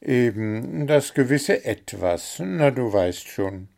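Man voicing a vain gnome, loud and sharp, scolding, gravelly, storybook. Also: mid-range voice, expressive, slow pace, pitched above the performer's own voice. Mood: boastful. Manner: sharp, scolding, self-important. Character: vain, prickly male gnome, quick-tempered.

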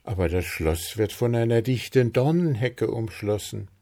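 A man voicing a wise female owl in a storybook, giving slow, grave advice. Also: lowish voice, expressive, warm tone, voice pushed up. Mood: cautioning.

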